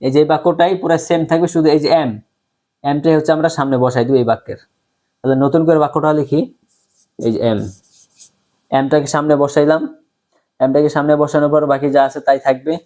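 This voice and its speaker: A man teaching a spoken English lesson, explaining slowly and repetitively, often checking if his students understand. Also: on the high side, fairly even intonation, darkish tone. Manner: slow, repetitive explaining with frequent check-ins; pronounces English example sentences very slowly.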